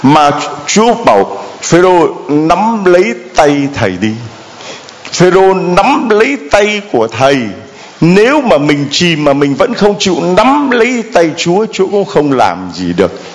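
A man's voice: high voice, very animated, a little slow. A man preaching a sermon as a priest, telling the story dramatically and animatedly, with sound effects.

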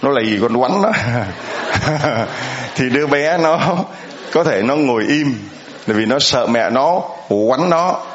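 A man's voice: mid-range voice, lively intonation, slow pace, noisy background. Male priest, homily, chatty, questions to the congregation, echoey church, slightly muffled sound. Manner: conversational, asks the congregation questions.

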